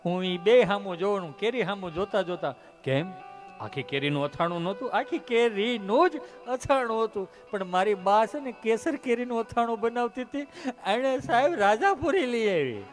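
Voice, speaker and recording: Animated comedian spinning a story. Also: male voice, sits high, normal speed, faint music behind. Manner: animated, addresses audience as "saheb". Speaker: stand-up comedian. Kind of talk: comic storytelling on stage.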